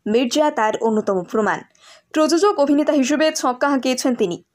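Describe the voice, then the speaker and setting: A woman narrates entertainment news in a high-pitched voice. She reads from a script, as a reporter presenting a showbiz story. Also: darkish tone.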